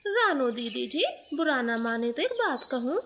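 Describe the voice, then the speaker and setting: A woman's voice: sits high, big pitch swings, a little slow, fairly bright tone, slight background noise, full character voice. Woman playing a humble crow maid. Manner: deferential, earnest pleading.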